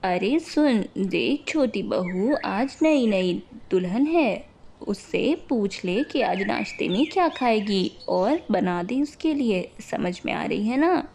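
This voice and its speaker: A woman's voice: mid-range voice, lively intonation, a little mellow, slight background noise. A woman voicing a bossy, nagging older mother-in-law who drags out her words in a cartoon story. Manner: slow, drawn-out scolding.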